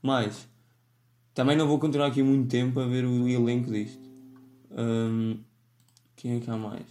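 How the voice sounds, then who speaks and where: A man's voice: medium pitch, little pitch movement, moderate pace, mellow, soft background music. A man with a European Portuguese accent hosting a solo podcast, talking in a rambling, self-mocking way with frequent restarts. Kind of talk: rambling casual monologue.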